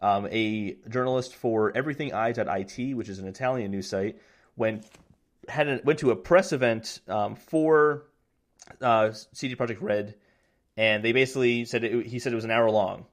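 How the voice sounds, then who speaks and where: A man's voice: medium pitch, normal speed. A man co-hosting a casual gaming podcast, talking eagerly and correcting himself as he goes. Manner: rambling, self-correcting, excitable. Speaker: podcast co-host.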